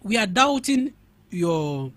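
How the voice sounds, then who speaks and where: On a radio talk show, a young studio guest with a Ghanaian English accent argues emphatically, often repeating words as he builds his points. His high, slightly bright voice swings widely in pitch, he takes it slowly, and the recording is dry.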